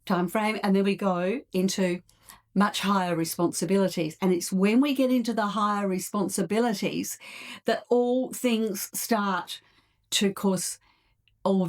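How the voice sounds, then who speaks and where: A middle-aged woman with an Australian accent, a couples coach hosting a solo podcast, explaining her ideas in a measured, steady way. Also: medium pitch. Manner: measured, explanatory, with occasional soft laughs and fillers.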